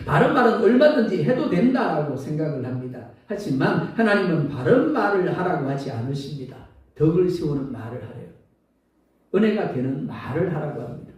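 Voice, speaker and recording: A male pastor preaching a sermon with an animated delivery, acting out everyday sayings, his throat a little sore. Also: on the high side, a little fast. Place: church sanctuary. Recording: echoey church hall from far off.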